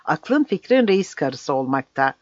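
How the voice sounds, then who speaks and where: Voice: mid-range voice, sing-song, a little slow, dry recording. A brutal, bearded male guerrilla captain roars his contempt in a raised, strained voice, as an audiobook reader puts him on. The recording is dry, with no room sound, and slightly dull. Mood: furious. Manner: roaring, harsh, contemptuous.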